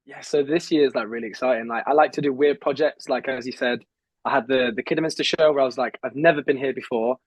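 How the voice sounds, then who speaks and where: A young man in his twenties answers interview questions in a loose, rambling way. He stays at a middle pitch for a man, and the sound is dry and close with no room echo. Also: fairly even intonation, fast. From England. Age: 20s. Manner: chatty, rambling with fillers and restarts. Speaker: songwriter guest. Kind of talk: casual interview chat.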